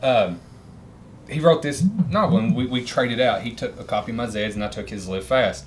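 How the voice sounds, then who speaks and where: A man's voice: mid-range voice, moderate pace. Middle-aged man, rambling podcast co-host, chuckles a lot, faint hiss behind. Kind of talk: casual chat.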